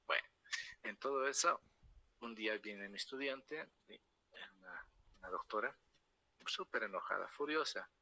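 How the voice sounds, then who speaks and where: This university lecturer, a man with a Bolivian Spanish accent from La Paz, speaks a little slowly and expressively, with a fairly low pitch, a sharp tone and long pauses. The highs are cut off in the recording. He tacks a question onto almost every phrase and weaves in story-like digressions.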